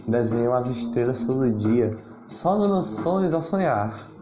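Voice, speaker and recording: A man telling a story in a slow, half-sung rap delivery. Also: medium pitch, lively intonation. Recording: roomy, dull, guitar music behind.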